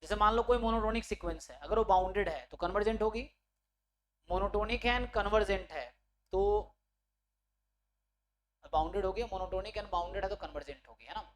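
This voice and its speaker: A man teaching an online statistics class for exam preparation. He explains step by step, often checks whether students follow, and reads definitions out slowly word by word. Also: high-pitched. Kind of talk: online exam-prep lecture.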